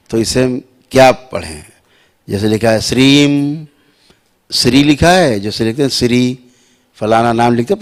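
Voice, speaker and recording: A man teaching devotees slowly, repeating sounds to show the right pronunciation and checking that listeners follow. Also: medium pitch, a little mellow. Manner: asks listeners "है ना" and "समझ रहे हैं आप". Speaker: spiritual teacher. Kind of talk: slow spiritual instruction to devotees.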